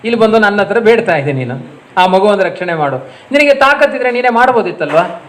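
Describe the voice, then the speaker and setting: A man's voice: high voice, lively intonation, fast talker, a bit bright. A man in a sermon voicing a defiant warrior sage who taunts a god. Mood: taunting. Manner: mocking, taunting.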